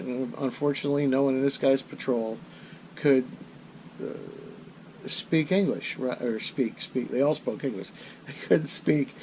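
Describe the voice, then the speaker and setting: A man's voice: fairly high pitch, darkish tone, slight background noise, rough recording. A middle-aged man telling a war story in a rambling, self-correcting way. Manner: rambling, self-correcting, rises in intensity at dramatic moments. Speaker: channel host. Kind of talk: casual storytelling monologue.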